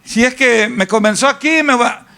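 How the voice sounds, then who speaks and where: A man's voice: creaky, sharp tone, smooth, heavily acted. Man putting on a whiny doom-sure hypochondriac. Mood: whining. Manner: high sighing lament with drawn-out "ay".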